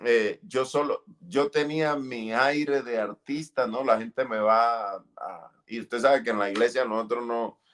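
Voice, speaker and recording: A man's voice: mid-range voice, a little slow, hardly any pauses. A middle-aged man giving an earnest, fervent testimony in an interview. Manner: earnest, fervent, relives moments with cries and shouts. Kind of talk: emotional testimony.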